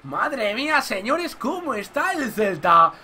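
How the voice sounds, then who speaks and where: A young man from commentating his own football video game match, talking to viewers and shouting at goals. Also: very high voice, slow, a little hiss or hum. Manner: excitable, shouts at goals, addresses viewers as "chicos". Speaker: gaming YouTuber.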